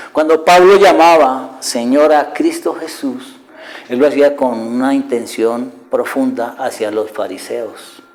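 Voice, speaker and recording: A man's voice: medium pitch, a little mellow, low-quality recording. A middle-aged man preaching with passion, posing rhetorical questions and dropping from a raised voice to a near-whisper. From Colombia. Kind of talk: sermon.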